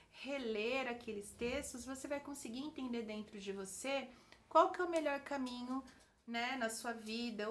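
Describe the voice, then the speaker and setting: A woman talking straight to camera in an unedited vlog, chatty and gently encouraging, often tagging her sentences with "né?". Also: a little high, slight background noise. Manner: chatty, gently encouraging, full of "né?" tag questions. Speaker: vlogger and author. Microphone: single camera, talking straight to viewers.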